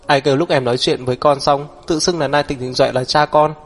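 A man voicing a proud, cold young man who speaks low, firm and measured, in an audiobook. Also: steady tone. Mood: firm, explaining. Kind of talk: audiobook character voice.

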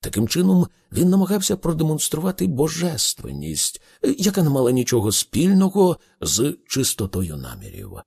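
A male narrator tells the story slowly and expressively. His voice is gravelly and husky, with a lively rise and fall. The delivery is unhurried, like a patient storyteller. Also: on the high side. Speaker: audiobook narrator. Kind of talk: audiobook narration.

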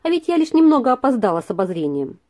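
A woman reading aloud and voicing a lively, impatient young lady with a bright, teasing manner. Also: sits high, a little fast, pitched above the performer's own voice.

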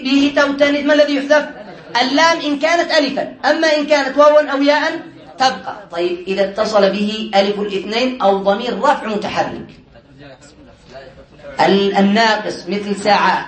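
A man's voice: very high voice, a bit bright. A man teaching a classroom lesson, explaining step by step, quizzing his students and often chuckling as he goes. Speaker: teacher of Arabic morphology. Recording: echoey room.

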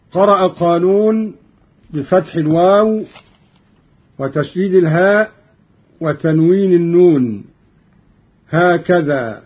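Male Quran teacher, high-pitched and slow-paced, measured explanations with drawn-out recitation, dull radio-archive sound. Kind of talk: explaining Quran reading variants with recited examples.

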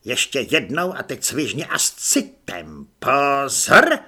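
A bullying army corporal who barks orders and sneers at recruits, voiced loudly by a male audiobook narrator. His voice is loud, sharp and breathy, jumping all over the place. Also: medium pitch, sing-song, pitched below the performer's own voice, full character voice. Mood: barking. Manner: barking, scornful.

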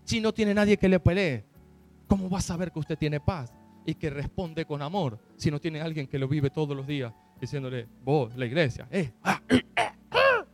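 A pastor preaches with fervor and drives his points toward shouted declarations. His voice sits high for a man, and soft music plays faintly behind him. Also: normal speed. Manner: fervent, building to shouted declarations. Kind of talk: sermon.

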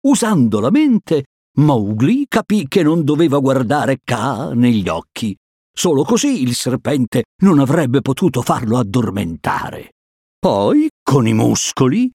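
A man reading a storybook aloud to children in an animated, sing-song way. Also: medium pitch, slightly rough, no room sound, studio quality. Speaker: narrator.

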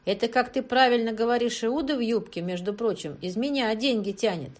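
A rough, bullying male kidnapper snaps out threats in a storybook scene, as a woman reads him. He barks his orders and won't back down. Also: a little high, a little fast, pitched above the performer's own voice, lightly acted. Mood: menacing. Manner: threatening, barking.

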